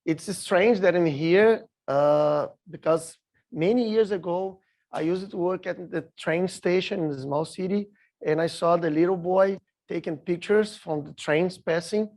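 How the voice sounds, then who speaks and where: A middle-aged Brazilian man, a Portuguese speaker presenting in English, gives a halting conference talk with slides at a rail seminar. His high voice is a little mellow, and he fills pauses with many filler sounds while apologizing for his English.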